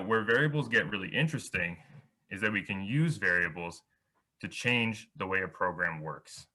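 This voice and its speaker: A young man teaches a beginner programming workshop over slides, explaining things step by step with small restarts. His voice is low-pitched, pushed, and bright.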